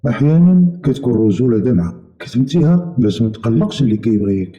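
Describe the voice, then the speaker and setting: A Moroccan man narrates a dramatic family story at a brisk clip. His voice is extremely dark and mellow, steady and earnest throughout. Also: mid-range voice, dull audio.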